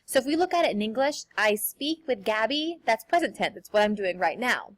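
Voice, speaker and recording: A young adult woman, a teacher, giving a recorded lesson in an upbeat, sing-song manner and slowing down carefully to model each example. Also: on the high side, big pitch swings. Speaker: Spanish teacher.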